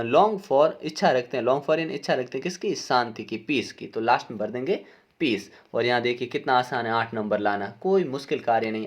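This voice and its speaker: A man, working as a teacher, explains an exam paper. He reads each question out slowly and then explains it with frequent checks that the students are following. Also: mid-range voice.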